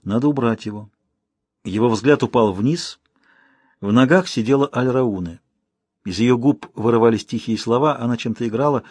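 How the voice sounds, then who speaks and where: Husky male audiobook narrator. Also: mid-range voice, lively intonation, moderate pace, a little mellow, dry recording, clean studio sound. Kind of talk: scripted narration.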